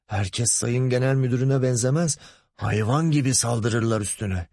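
A man's voice: mid-range voice, unhurried, darkish tone, no room sound, clean studio sound, voice pushed up, natural voice. A man voicing a pompous, lecherous middle-aged male boss in an audiobook, wheedling and bossy by turns. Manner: wheedling, grumbling, commanding.

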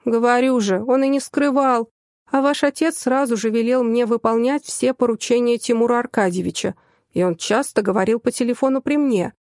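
A woman reading as a sly young secretary in an audiobook, smug and teasing, her voice a little high and on the mellow, soft side. The sound is close and dry, with no room around it. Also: steady tone, moderate pace, no room sound, close to an everyday voice.

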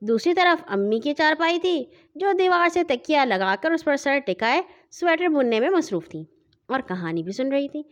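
A woman narrating a children's audio story with expressive storytelling. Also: high voice, highs cut off.

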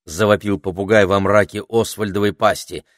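A man's voice: on the low side, steady tone, normal speed, dry recording, studio quality. A man reading a children's story aloud as the narrator of an audiobook.

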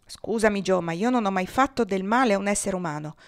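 A woman's voice: mid-range voice, fast, close to an everyday voice. A woman voicing a huge, timid former cattle thief, pleading and reluctant.

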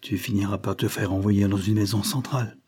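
A man reading an audiobook voices a male police officer who speaks in a calm, paternal tone. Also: fairly low pitch, a little fast, husky.

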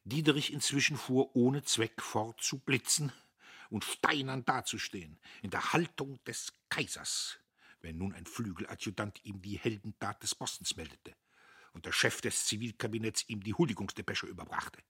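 Husky, expressive male audiobook narrator. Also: fairly low pitch, moderate pace, no room sound, studio quality. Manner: expressive, dramatic. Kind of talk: scripted novel reading.

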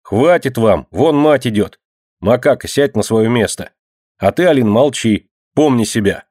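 A man voicing a stern but caring teenage boy who talks gruffly. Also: medium pitch, lively intonation, moderate pace, warm tone, no echo, clean studio sound, lightly acted.

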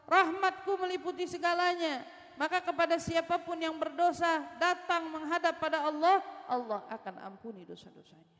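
High-voiced woman teaching religion in a hall. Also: moderate pace, fairly bright tone. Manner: retells prayers dramatically, mixing Arabic recitation with casual asides. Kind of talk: religious study lecture.

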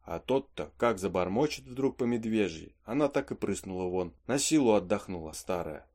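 A man's voice: fairly low pitch, expressive, normal speed, darkish tone. A man voicing a rambling superstitious peasant servant. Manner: chatty folksy storytelling with asides. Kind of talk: audiobook reading of a play.

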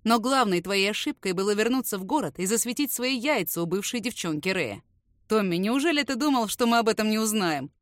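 A woman's voice: mid-range voice, lively intonation, fairly quick, dry recording, lightly acted. Cold ruthless man, read by a woman, dry level delivery, indifferent.

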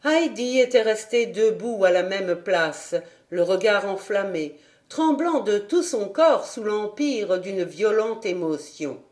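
A woman narrates a children's classic in a measured, expressive reading voice. Her pitch sits in the middle range for a woman. The delivery is steady storybook narration. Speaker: audiobook reader. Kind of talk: scripted narration.

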